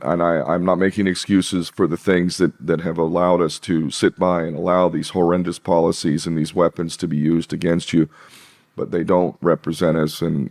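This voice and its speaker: Man, very low voice, podcast guest, passionate, emphatic, swears often. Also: gravelly, darkish tone. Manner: emphatic, repeats himself, swears. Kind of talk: impassioned podcast interview talk.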